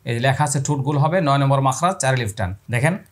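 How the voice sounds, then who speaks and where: Talking fast in a mid-range voice, a man teaches the viewer Quran pronunciation step by step. His explanations are calm, each letter sound is drawn out in a long call, and he asks and answers his own questions.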